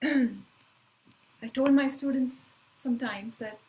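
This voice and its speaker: A woman with a high voice leads a live online spiritual workshop, speaking earnestly and emphatically. Her phrasing is slow and deliberate, often trailing off softly, and the recording quality is low.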